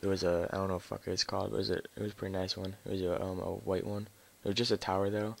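A man's voice: low voice, level tone, very fast, vocal fry. A man doing casual live gameplay commentary on a headset mic as a raging gamer, swearing and grumbling in exasperation. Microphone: gaming headset.

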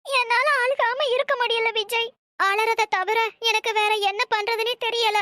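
A woman's voice: very high-pitched, steady tone, normal speed, bright, forceful tone, dry recording. A woman voicing a tearful young woman in love in a cartoon, apologetic. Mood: weepy. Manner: weepy, apologetic.

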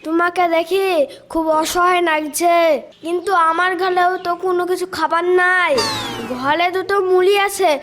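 A woman's voice: very high voice, steady tone, moderate pace, a bit bright, slight background noise. A woman voicing a poor, kindly villager who speaks in a sympathetic, apologetic way in an amateur village drama.

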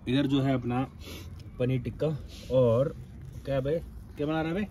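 A man's voice: medium pitch, fairly even intonation, normal speed, dark tone, far from the mic. A young man casually chatting with friends and explaining each step as he cooks at a farm campsite. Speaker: vlogger cooking at a campsite. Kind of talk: casual cooking chat with friends. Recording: noisy outdoor phone recording.

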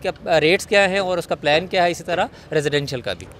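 A Pakistani Urdu-accented man hosts a property show in a polite, affirming way. His voice sits fairly high. Faint traffic and street sound hum behind his lapel mic outdoors. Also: fast, a bit bright. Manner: polite, with frequent short agreements. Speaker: host.

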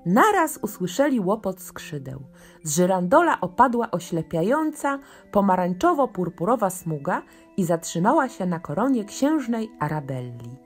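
A woman narrating a children's bedtime story in a gentle, expressive storytelling manner. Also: mid-range voice, moderate pace. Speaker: audiobook narrator. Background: faint music.

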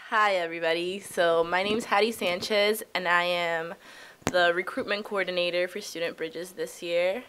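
A woman's voice: on the low side, fairly even intonation, moderate pace, fairly bright tone, a little hiss or hum. A young woman from Massachusetts introducing herself at a podium, bubbly and informal. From Worcester, Massachusetts. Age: young adult. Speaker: recruitment coordinator. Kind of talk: panel self-introduction. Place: conference room. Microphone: podium microphone.

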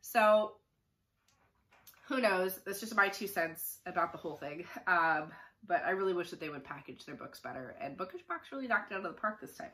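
A middle-aged book reviewer hosts an unboxing from a small furnished room, speaking informally and opinionatedly to the camera, her voice nasal and blocked up from the flu. Her pitch is lowish and her tone bright and forceful, and she sounds animated at a moderate pace. There is slight background noise.

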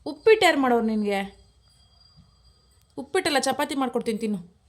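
A young woman with a high, light voice talks with her little son at home. She coaxes and teases him with sing-song questions. Her tone is playful, patient and motherly. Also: lively intonation, brisk. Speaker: mother and vlogger. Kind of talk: playful chat with a toddler.

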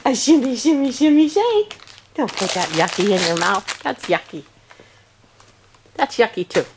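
Captured on a home camera that someone else is holding, this older woman in a bedroom chants and coos sing-song baby talk while playing with her baby grandchild. She sounds fairly high and lively in intonation, speaking a little slowly over background noise.

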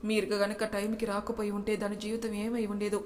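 A woman's voice: medium pitch, monotone, brisk, a little mellow, lightly acted. A woman voicing a worried, loyal young woman who asks anxious questions, in a storybook reading. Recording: reverberant room.

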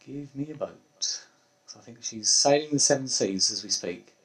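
A man's voice: medium pitch, moderate pace, a bit bright, low-quality recording. A young man streaming a video game as a hunter, chatting casually and muttering wryly to himself as he plays. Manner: wry, muttering to himself while playing. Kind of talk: casual gaming chat.

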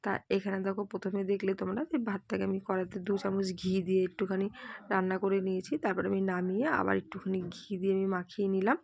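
A young adult woman narrating a home cooking video in a casual voice-over, halting and full of fillers, her throat strained and catching. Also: mid-range voice, completely flat delivery, creaky, darkish tone, no echo. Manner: hesitant, many fillers. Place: home kitchen, voice-over recorded at home by day.

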